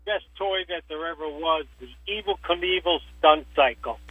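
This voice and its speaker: A man's voice: a little high, moderate pace, soft background music. A man in his fifties chatting casually as a caller on a radio show. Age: 50s. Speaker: radio call-in guest. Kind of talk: casual phone chat. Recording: dry radio phone call.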